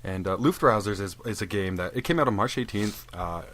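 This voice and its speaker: A young man hosts a casual video game podcast, rambling and joking while often restarting sentences and using fillers. His voice is fairly low, animated, fairly bright and a little fast.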